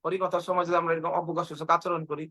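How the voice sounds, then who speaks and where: Guy preaching over a video call, high bright voice, fervent and repetitive. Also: flat delivery, fast, rough recording. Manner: fervent, repetitive, acts out quoted dialogue. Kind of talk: devotional sermon storytelling.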